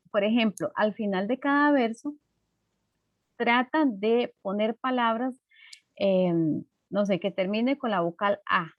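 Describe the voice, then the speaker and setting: A woman teacher giving an online class, explaining slowly with many fillers and tag questions. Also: on the high side, dry recording, lo-fi sound.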